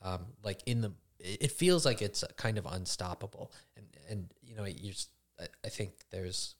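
A man in casual conversation, musing reflectively in halting phrases. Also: fairly low pitch. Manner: reflective, halting, many "like" and restarts.

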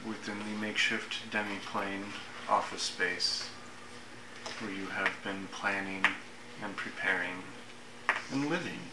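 A man's voice: on the low side, far from the mic. A man narrating a tabletop game as the game master. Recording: echoey room with loud noise.

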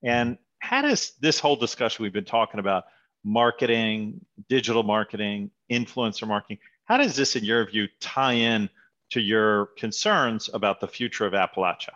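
A man's voice: lowish voice, normal speed, fairly bright tone. A man hosting an interview, friendly and a little self-correcting as he asks questions. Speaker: interview host. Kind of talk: conversational interview. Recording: dull lo-fi audio.

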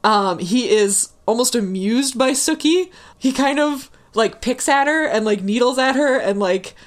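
A woman's voice: a little high, animated, unhurried. A woman co-hosting a podcast in casual chat, gushing and swearing, with many "like"s and "um"s and frequent laughs. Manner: laughing often, lots of "like" and "um"; gushing, profane. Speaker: podcast co-host.

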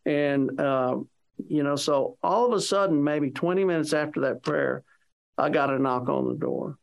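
Gravelly man telling a personal story. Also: a little high, moderate pace. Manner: rambling, many "you know" fillers; acts out quoted speech of others. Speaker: interviewee.

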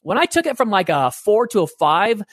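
A middle-aged man, a parenting guest in an interview, talking in an animated storytelling way and acting out the voices he quotes. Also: high-pitched, a little fast, dry recording, clean studio sound. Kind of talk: conversational interview.

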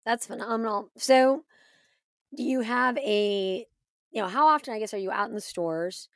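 A woman with a smooth, clear voice that often dips into vocal fry. She asks questions as an interviewer in an informal, enthusiastic style, recorded dry and close. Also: on the high side, normal speed, no echo. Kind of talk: casual interview chat.

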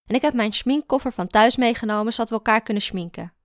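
A woman's voice: a little high, fast, no echo, studio quality, natural voice. A woman voicing a blunt, bossy student girl. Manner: direct and teasing. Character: blunt, bossy young female art student.

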